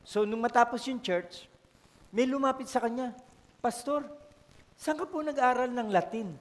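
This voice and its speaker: A man's voice: extremely high pitch, normal speed. A male pastor with a Filipino accent preaching a sermon in a storytelling way, often calling out to the congregation. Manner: storytelling, code-switching, asks the congregation for responses. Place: church hall. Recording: long church-hall reverb.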